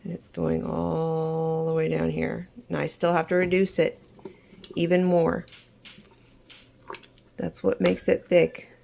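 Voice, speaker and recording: A woman getting over an illness, talking through a kitchen canning tutorial in a relaxed, instructive way and repeating reminders. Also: low voice, takes it slowly, creaky, pauses often, poor audio. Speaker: home canning vlogger. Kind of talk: casual step-by-step kitchen tutorial. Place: home kitchen.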